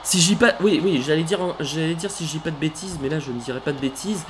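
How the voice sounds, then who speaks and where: A man calling a wrestling video game match play by play, animated, bursting into shouts at big moves and stopping to correct himself. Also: a little high, quick pace, slight background noise. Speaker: let's play commentator. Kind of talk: excited play-by-play game commentary.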